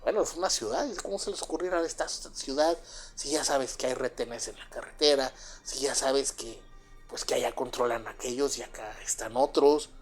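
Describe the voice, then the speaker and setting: Over faint music, a man with a Mexican accent narrates a true personal story at normal speed in a medium-pitched voice. His telling wanders, packed with "pues" and repeated "¿verdad?" tags.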